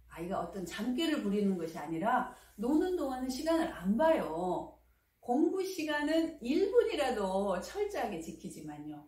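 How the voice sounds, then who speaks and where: A middle-aged woman coaching parents on talking with their children, speaking gently and acting out little dialogues between mother and child. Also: medium pitch. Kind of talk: parenting advice lecture. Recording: echoey room, mic at a distance.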